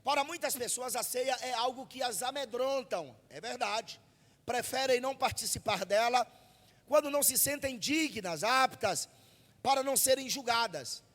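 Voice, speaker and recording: A Brazilian man preaching a fervent Pentecostal sermon into a handheld mic at a church service, shouting and repeating phrases for the congregation. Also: very high-pitched, normal speed, long reverb tail. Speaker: pastor. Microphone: handheld microphone.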